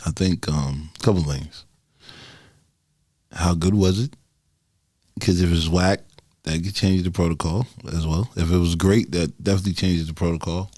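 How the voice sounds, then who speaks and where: A man's voice: moderate pace, long pauses, no room sound. A man co-hosting a podcast, talking animatedly and laughing as he makes his points. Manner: animated, laughing, breaks into high sung bits. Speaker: podcast co-host. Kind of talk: casual podcast banter.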